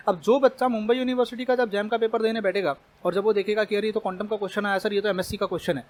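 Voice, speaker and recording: A man with a fairly high voice lectures at a quick clip as a chemistry tutor. He explains things in a conversational way and talks straight to the students watching. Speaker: chemistry teacher. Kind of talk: exam-prep lecture.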